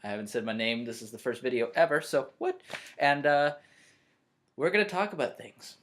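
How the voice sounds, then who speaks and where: A young man, a college student vlogging from his bedroom, telling a story in a rambling, self-interrupting, animated way. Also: mid-range voice, normal speed. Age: young adult. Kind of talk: storytelling vlog.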